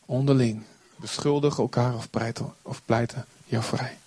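A man preaching a sermon, animated, acting out quotes with sudden loud outbursts. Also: mid-range voice, normal speed, slightly rough, dry recording. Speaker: pastor.

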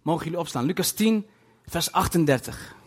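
A man preaching a sermon to a congregation in a church hall, emphatic and animated, with bursts of loud emphasis and English phrases dropped in. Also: fairly high pitch, fairly quick, breathy edge. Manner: scatters English phrases into his talk. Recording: long hall reverb.

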